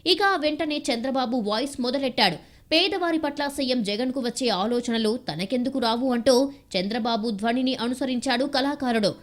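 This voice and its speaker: Brief: woman, TV news voice-over, brisk and dramatic. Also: fairly high pitch. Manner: punchy, dramatic delivery. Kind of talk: scripted news narration. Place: studio voice-over.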